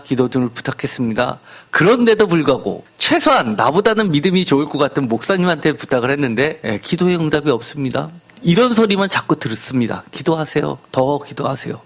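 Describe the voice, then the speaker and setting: A man preaching a sermon as pastor, putting rhetorical questions to the congregation. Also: on the high side.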